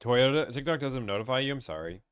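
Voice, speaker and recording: A man's voice: mid-range voice, animated, fast talker, smooth, no room sound. A young man from Pittsburgh, chatting casually as he reads and answers viewer questions about car buying on a live stream.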